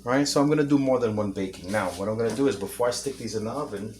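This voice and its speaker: A man's voice: mid-range voice, rapid-fire, darkish tone, a little hiss or hum. A man hosting a casual home cooking video, chatting and joking as he works and eats. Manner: chatty, joking, talks while eating. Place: home kitchen. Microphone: camera mic, no camera operator.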